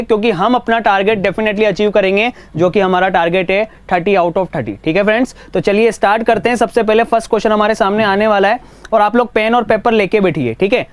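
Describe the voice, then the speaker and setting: Brisk man teaching a live class. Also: high voice, no room sound. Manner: brisk, coaxing, mixes Hindi with English. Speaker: online reasoning teacher. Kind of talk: live exam-prep class.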